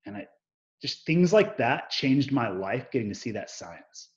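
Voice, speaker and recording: A man's voice: mid-range voice, measured pace, highs cut off. A man speaking as an interview guest, telling personal stories candidly, swearing freely and acting out bits of remembered dialogue. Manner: profane, animated, acts out quoted dialogue.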